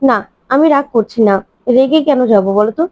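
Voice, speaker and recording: A woman's voice: high-pitched, no echo, lightly acted. A woman voicing an adult man who is insistent, hurt and defensive, pressing one reproachful question after another in a dry, dull recording. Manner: pleading, rapid, reproachful questions.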